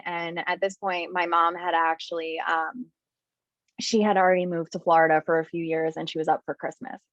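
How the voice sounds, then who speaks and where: A woman's voice: medium pitch, no echo. Chatty woman telling a personal story. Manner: chatty, heavy use of "like", acts out her own past thoughts. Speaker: podcast guest. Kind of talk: personal storytelling in casual chat. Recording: dry, slightly muffled audio.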